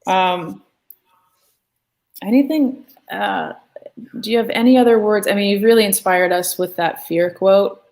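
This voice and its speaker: A woman's voice: mid-range voice, measured pace, pauses often, darkish tone, low-quality recording. A woman hosting a live art lesson, talking casually and rambling with filler words. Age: adult. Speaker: art class host. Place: art studio room.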